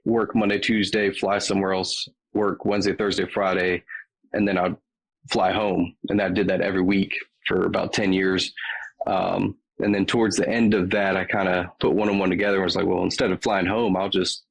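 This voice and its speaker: Deep gravelly Southern man. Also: moderate pace, low-quality recording. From Virginia. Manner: relaxed, rambling with many ums. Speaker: podcast guest. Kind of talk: casual chat.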